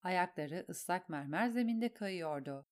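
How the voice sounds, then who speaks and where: A woman's voice: on the low side, measured pace. A woman giving a dramatic storybook narration and acting out the characters. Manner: expressive, acts out the characters. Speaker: audiobook narrator.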